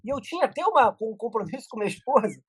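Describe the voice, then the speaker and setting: A man's voice: very high-pitched, big pitch swings, slightly rough, no room sound. A middle-aged man, a podcast guest telling stories in casual chat with many restarts. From Brazil. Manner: rapid storytelling with many restarts.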